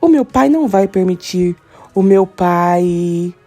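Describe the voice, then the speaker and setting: Uma mulher lendo as falas de uma jovem brava e desafiadora, com réplicas ríspidas e desdenhosas. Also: female voice, lowish voice, animated, slow, mellow, soft background music. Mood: defiant. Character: fiery young Brazilian woman, defiant.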